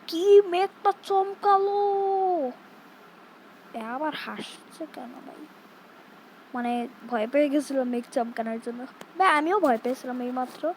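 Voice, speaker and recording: A young woman from Bangladesh plays a horror game and talks to her viewers as she goes. Her voice is high and her pace is slow, and she scolds the game baby between jumpy yelps. Faint noise runs underneath. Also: darkish tone, rough recording. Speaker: gaming streamer. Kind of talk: casual horror game commentary.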